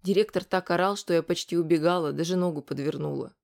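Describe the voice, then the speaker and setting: A woman narrator voices a young woman who talks quietly and sniffles, timid and complaining. The lines are soft and a bit low, as in a storybook reading of a weepy heroine. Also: fairly even intonation, fast talker, creaky. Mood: sulky.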